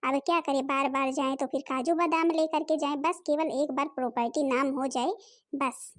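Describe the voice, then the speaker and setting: A woman's voice: sits high, fairly even intonation, moderate pace. A woman voicing every figure of a cartoon family drama, from a sweet mother-in-law to scheming and scolding daughters.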